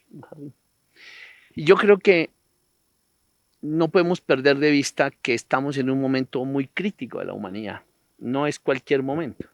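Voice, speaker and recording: Man, gravelly, philosophical. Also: mid-range voice, dry recording. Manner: philosophical, digressive, rhetorical questions. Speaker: panel speaker on environment. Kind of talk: reflective panel talk.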